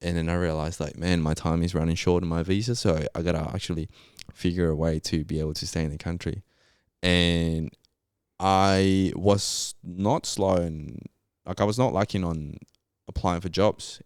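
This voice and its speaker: As a podcast guest, a young Colombian geologist whose native language is Spanish relates his story in a casual interview, his phrasing laid-back and slangy like an Australian's. He speaks at normal speed in a low, smooth, darkish voice with fairly even intonation. The recording is studio quality, without echo.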